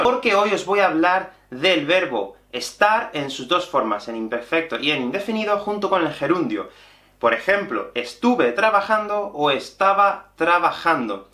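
Constantly gesturing as he explains, a man from Spain teaches Spanish in a lively online class. He has a high voice, and the camera captures him at mid-shot in a small room with a bookshelf and a whiteboard, where the sound echoes.

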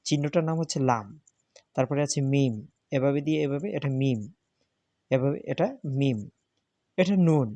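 A man's voice: a little high, darkish tone, no room sound. Man, patient tutor, repeats letter names, dry recording. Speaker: Arabic alphabet teacher. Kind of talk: step-by-step spoken lesson.

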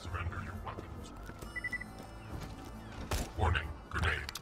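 A man voicing a cold robotic combat machine, through a robotic synthesized filter, barking clipped warning callouts. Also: slow. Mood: commanding. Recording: distant game audio under music. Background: game music and gunfire.

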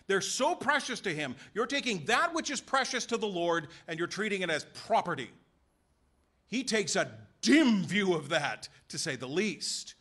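A man preaching a sermon in a church, emphatic and full of rhetorical questions and quick voiced asides. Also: fairly high pitch, pushed and bright. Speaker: pastor. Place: church sanctuary.

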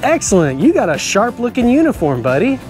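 Lively, animated kids' show host man. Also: high voice, fairly quick, faint music behind. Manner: enthusiastic, exclamatory, laughs often. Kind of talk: upbeat kids' show tour hosting. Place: stadium locker room and football field.

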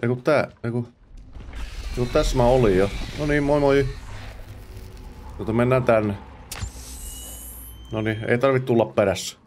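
A man's voice: medium pitch, long pauses, a little mellow, a little hiss or hum. A man hosting a let's play, chatting to himself as he plays and dropping English exclamations and curses. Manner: chatty self-talk, mutters while playing. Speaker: gamer host.

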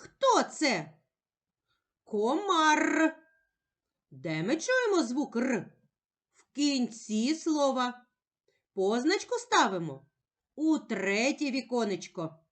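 A woman teacher giving a slow, clear reading lesson to young children, stretching out the sounds in a sing-song way. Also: a little high, huge pitch swings. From Ukraine.

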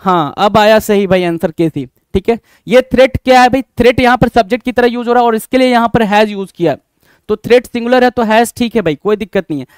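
In a live online English grammar class for exam prep, a young Indian man talks a little fast in a smooth voice that sits high. He names chat commenters when answering, calls students "bhai," repeats points, and asks rhetorical questions. The sound is clean studio audio without echo.

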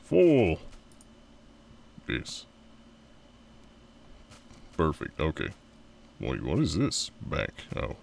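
A man's voice: rumbling low, vocal fry, recorded from a distance, slight background noise. A man streaming a horror game live, chatting casually with his viewers and laughing often.

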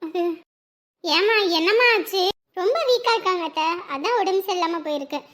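A woman voicing a kind young doctor in a cartoon drama, gentle and reassuring. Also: extremely high pitch, expressive, brisk. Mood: calm. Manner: gentle, soothing.

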